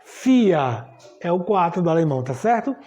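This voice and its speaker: A woman's voice: fairly low pitch, sing-song, normal speed, warm tone, soft background music. A woman with a Brazilian Portuguese accent teaches a language lesson patiently, spelling out letters and checking that students follow. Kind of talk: explaining a language lesson at a board.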